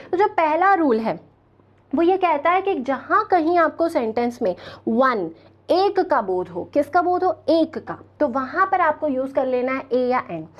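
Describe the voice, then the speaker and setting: A woman's voice: high voice, highs cut off. A woman teaching an exam-prep English grammar lecture, explaining patiently and posing questions she then answers herself.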